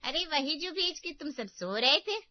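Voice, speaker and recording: A woman voicing a bossy, sharp-tongued old aunt-in-law in a cartoon story, scolding and demanding. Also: sits high, expressive, moderate pace, no room sound, voice pushed up. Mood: mocking. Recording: dull dry recording.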